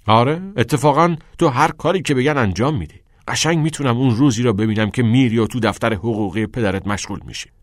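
A man voicing a frustrated, angry teenage student in a novel read aloud, talking in a sharp, scornful way. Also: fairly low pitch, lively intonation, no room sound, studio quality. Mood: bitter.

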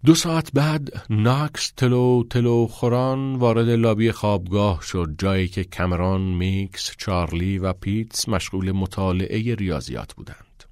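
A man narrating an audiobook in a measured storytelling manner. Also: on the low side, a little mellow, clean tone, dry recording, studio quality. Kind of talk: scripted narration.

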